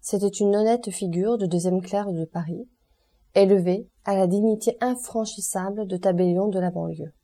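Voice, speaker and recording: A woman narrating a classic novel as an audiobook in a measured storytelling manner. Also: medium pitch, dark tone.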